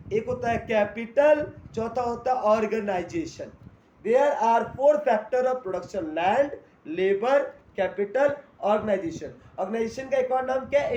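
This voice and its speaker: A man's voice: very high-pitched, a little mellow, highs cut off. A man teaching a class in Hindi mixed with English terms, asking questions and answering them himself. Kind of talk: classroom lecture. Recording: echoey room, faint noise.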